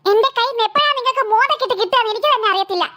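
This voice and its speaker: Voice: very high-pitched, rapid-fire, sharp tone. A voice actor playing a cheeky, quarrelsome schoolboy in a cartoon, speaking with a Malabar Malayalam accent. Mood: boastful. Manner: teasing, bragging, mock-threatening. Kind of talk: animated cartoon voice acting.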